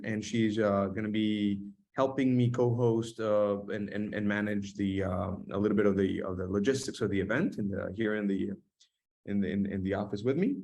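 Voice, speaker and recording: A man's voice: fairly low pitch, a little mellow. A man hosting an online webinar from an office, talking with many fillers and restarts. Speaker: host. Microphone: video call.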